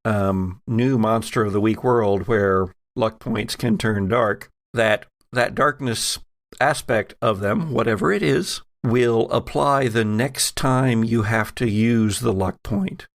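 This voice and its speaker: A man with a fairly low voice narrates a tabletop roleplaying game as the game master, speaking deliberately and leaning on dramatic pauses.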